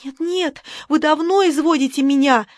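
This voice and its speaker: A woman's voice: sits high, normal speed, dry recording, clean studio sound, voice pushed up, close to an everyday voice. A woman voicing a frightened, tearful elderly woman who pleads and grows agitated. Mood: fearful. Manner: pleading, agitated, rising to shrieks.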